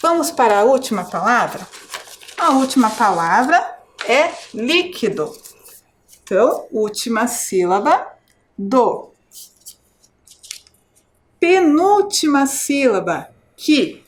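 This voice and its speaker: A woman teacher with a Brazilian Portuguese accent giving a televised lesson to children, explaining slowly and clearly, syllable by syllable, and checking in with questions. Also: fairly high pitch, big pitch swings. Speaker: primary school teacher.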